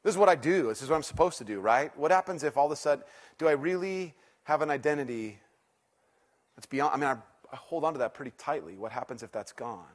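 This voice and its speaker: A middle-aged man gives a sermon as a teaching pastor, talking quickly with a voice on the high side. In front of the congregation he stays conversational and humble about himself, going from loud and excited to quiet and intense.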